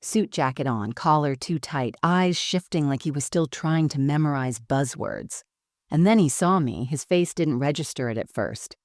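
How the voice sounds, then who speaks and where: Calm, low-voiced woman storyteller. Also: no room sound, studio quality. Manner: calm, measured, composed. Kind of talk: first-person story narration.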